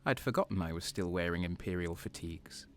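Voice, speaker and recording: Playing a bitter, battle-hardened traitor soldier, a man serves as both narrator and protagonist of an audio drama, brooding grimly in the first person. His voice is deep, animated and brisk.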